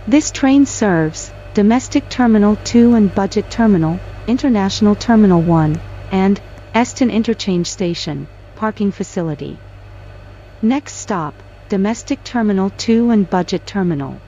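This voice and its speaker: A woman's voice: mid-range voice, expressive, normal speed, mellow. A woman giving polite, formal next-stop announcements over a train's onboard PA speaker, as an automated voice. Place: inside a train in a video game. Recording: muffled speaker, noisy.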